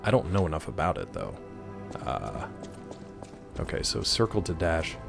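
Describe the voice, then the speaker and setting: A man's voice: very deep voice, sing-song, moderate pace, creaky, over music. A man giving casual, rambling gameplay commentary, joking playfully as he chats with his viewers. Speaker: game streamer.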